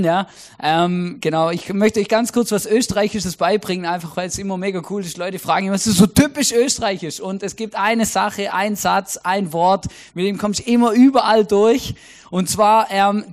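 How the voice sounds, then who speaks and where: A young man from Germany preaching a sermon in a casual, chatty way, with many fillers and restarts. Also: high voice.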